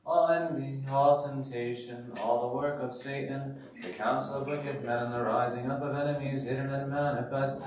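A clergyman slowly chanting a liturgical thanksgiving prayer, his phrases ending in sung notes, in a church sanctuary. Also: medium pitch, steady tone, a little mellow, slight background noise. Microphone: distant room mic. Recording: very echoey church from far off.

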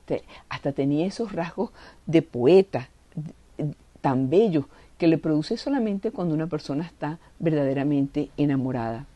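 A woman's voice: sits low, lively intonation, normal speed, warm tone, no room sound, muffled recording. A woman giving a devotional reading and reflection, fervent and reverent, leaning on prayerful words.

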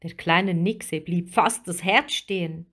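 A woman reading a children's storybook aloud as narrator, slow and expressive. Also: on the low side, husky.

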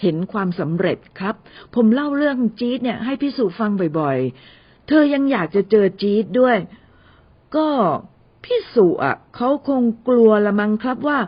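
A woman's voice: fairly high pitch, very animated, normal speed, dull audio. A woman reading an audio novel and voicing a young wealthy male boss who speaks politely and teases his new secretary. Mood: earnest. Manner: polite, playful, mock-offended.

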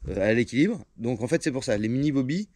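A young man talks fast through a casual vlog Q&A, answering his viewers directly. His voice is dark and mellow, and his speech is slangy and full of curse words, fillers and restarts. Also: mid-range voice, expressive, no room sound. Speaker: self-employed truck driver and channel host.

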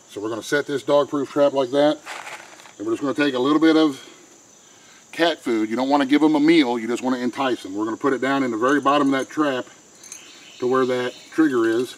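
Outdoors by a pen and a wooded creek, a middle-aged homesteader shows in a plain, folksy, step-by-step way how to set a trap. His voice has a medium pitch. The audio is poor, picked up by a handheld camera mic close by, with faint insects and crickets in the background.

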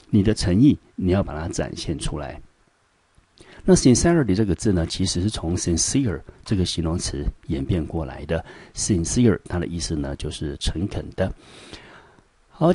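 A male high school English teacher from Taiwan explains English grammar in Mandarin, step by step, often asking rhetorical questions. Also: dark tone, slightly rough, dry recording. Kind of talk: classroom grammar lesson.

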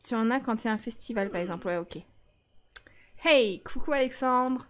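A woman's voice: a little high, fairly quick. A woman streaming a life-sim game, chatting casually and teasing her viewers. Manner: chatty, teasing, talks back to chat.

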